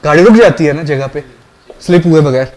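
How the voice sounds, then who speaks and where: A man's voice: fairly high pitch, lively intonation, brisk, darkish tone. A male lecturer teaching a programming class, explaining step by step and often asking the class questions to check they follow.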